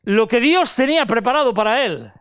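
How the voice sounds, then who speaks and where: An older man preaching a sermon, asking rhetorical questions and repeating phrases, moving between raised and hushed delivery. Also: very high-pitched, animated, a little fast, clear, resonant tone, dry recording, clean studio sound.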